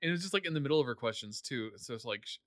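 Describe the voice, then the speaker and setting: Male co-host, casual chat, bright tone, dry close sound, loose rambling delivery. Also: mid-range voice, animated, very fast, no room sound. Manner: rambling, many fillers and restarts. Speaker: podcast co-host discussing a novel.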